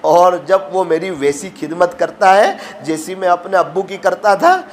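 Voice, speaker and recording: A man preaching a sermon, telling moral stories with emotion and acting out the voices of the people in them. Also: lively intonation. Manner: emotional, acts out quoted voices with rising pitch. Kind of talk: sermon with storytelling.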